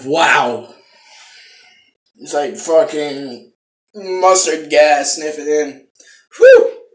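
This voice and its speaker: A young man reviews a product for his viewers in a very slow, fairly high voice that swings widely in pitch. He's in a small room at home, casually swearing often, filmed close up on a phone camera, and the audio is reverberant.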